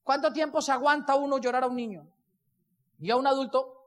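Speaking fairly quickly in a very high-pitched, fairly bright voice, a motivational speaker with a Colombian accent gives a live talk in what sounds like a big room. He tells his story, acts out the dialogue, and puts questions to the audience.

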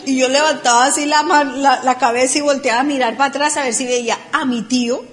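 High-voiced Colombian woman, animated, sarcastic anecdote. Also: quick pace. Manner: animated, sarcastic, acts out people. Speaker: storyteller. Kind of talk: casual anecdote telling.

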